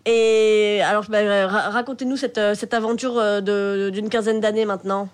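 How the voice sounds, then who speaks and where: A woman's voice: mid-range voice, fairly even intonation, moderate pace, clean tone. A woman wine journalist on a radio show, asking a guest questions in a friendly way with many fillers.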